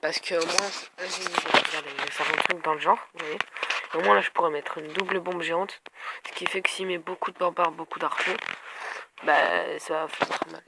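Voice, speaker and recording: Speaking in a fairly high, fairly even, creaky voice at a brisk pace, this man is a gaming video creator with a head cold. He offers casual commentary on his gameplay, thinking aloud and hesitating as he addresses viewers, with heavy background noise behind him.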